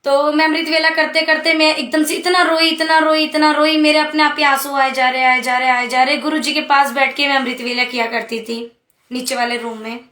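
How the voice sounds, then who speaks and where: A young woman tells her devotional story to a gathered congregation in a high, ringing voice. Her tone is earnest and heartfelt, and her words tend to tumble out quickly. The sound is caught in an echoey room. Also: level tone, pushed and bright. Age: young adult. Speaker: devotee sharing testimony at a satsang. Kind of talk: devotional personal testimony.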